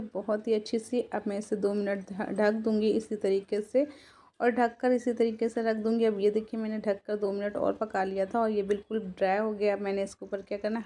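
A woman talks viewers through a home recipe in a steady, level voice that barely rises or falls. Her pitch sits in an ordinary middle range, and she explains each step plainly as she cooks. It sounds like a simple phone recording from a home kitchen. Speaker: cooking channel host. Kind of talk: casual cooking voice-over.

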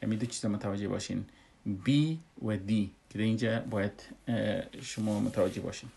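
A man, a Quran recitation teacher who explains a lesson step by step and pauses often on drawn-out "uh" sounds. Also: on the low side, level tone, vocal fry, a little mellow. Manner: unhurried, with frequent drawn-out "uh" pauses.

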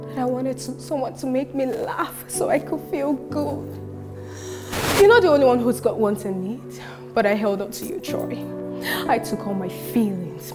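An actress performing a monologue as a hurt, proud wife leaving her unfaithful husband, rising from quiet to loud. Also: close to an everyday voice. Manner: builds from low and quiet to loud and strained. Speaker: actor performing an audition monologue. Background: clear music.

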